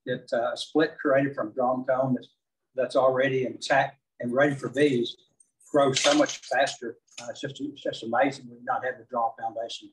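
Middle-aged Texan man, club presenter, steady mid pitch, distant room sound. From southeast Texas. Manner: measured, frequent "uh" fillers. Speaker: beekeeping presenter. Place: large meeting hall with projector.

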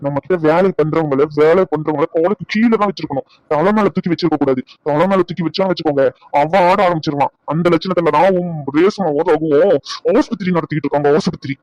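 Cartoon snob brother, voiced by a man, fast, lecturing, dull dry lo-fi sound. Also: a little high, darkish tone, dry recording, natural voice. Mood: scornful. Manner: lecturing, scornful, domineering. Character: scheming proud older brother, snobbish and controlling.

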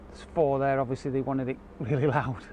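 A car audio installer gives a casual, explanatory product walkthrough, moving between an outdoor car park and the inside of a car. His mid-range voice is steady, brisk and a little mellow. The handheld camera picks him up clearly over ambient noise.

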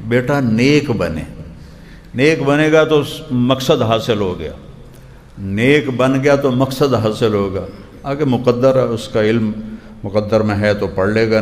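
A man preaching a religious sermon, telling stories and slowing down to recite quotations in short repeated phrases. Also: medium pitch. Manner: storytelling, slows down to recite quotations. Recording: long hall reverb.

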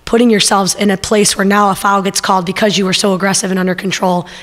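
Talking fast in a mid-range voice, a middle-aged female head coach addresses a postgame press conference from a table microphone. She sounds steady and earnest, with lots of filler words, and the press room adds long reverb.

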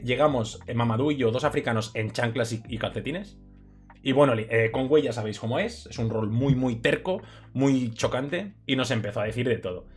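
Guest rambling through stories, quick pace, mid voice, faint music under it. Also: male voice, medium pitch, husky. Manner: storytelling, relaxed, colloquial. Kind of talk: casual interview chat.

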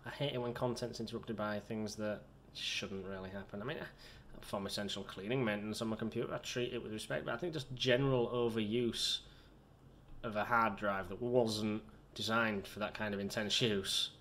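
Playing a game, this host chats loosely at a moderate pace in a lowish, steady, slightly bright voice, with slight background noise. He wanders between subjects and pokes fun at himself along the way.

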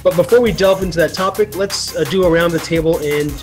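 A middle-aged man from Canada hosting a panel discussion over a video call, speaking in a measured, halting way with many fillers. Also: a little high, soft background music. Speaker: host. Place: small room at home. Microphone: headphones on a video call.

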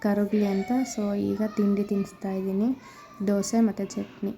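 A woman's voice: mid-range voice, monotone, normal speed, gravelly, heavy background noise. A young woman vlogging at home about her toddler's day, switching between narrating for viewers and sing-song baby talk to her daughter. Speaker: vlogger, mother. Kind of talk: casual home vlog narration.

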